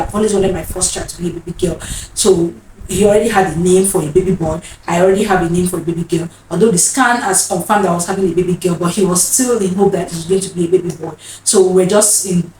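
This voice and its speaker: With a lowish, darkish voice, a female vlogger in her 30s recounts something personal in an earnest, emotional way, frequently circling back to the same phrases. The mic is distant, the room echoes, and there is faint noise.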